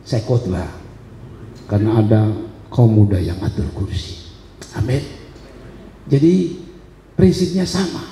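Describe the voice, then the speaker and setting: A man's voice: mid-range voice, dark tone, a little hiss or hum. A middle-aged man with a Kupang-tinged accent, preaching a sermon as a pastor and telling personal stories in a chatty way with humorous asides. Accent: Kupang Malay-tinged Indonesian. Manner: conversational storytelling with humorous asides. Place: church hall. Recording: echoey church hall with long reverb.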